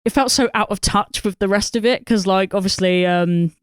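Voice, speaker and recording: Woman, podcast co-host, rambling, sweary, smooth clear voice, dry close sound. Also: medium pitch, normal speed, no echo. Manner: rambling, sweary, lots of fillers and laughs. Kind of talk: casual film review chat.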